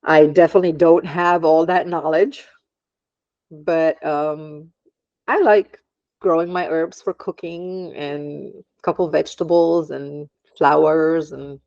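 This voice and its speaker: A woman's voice: low voice, fairly even intonation, measured pace, darkish tone, no echo, highs cut off. A woman from Germany, an aromatherapist talking as a podcast guest, hesitant with many ums and frequent laughs. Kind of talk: casual interview chat.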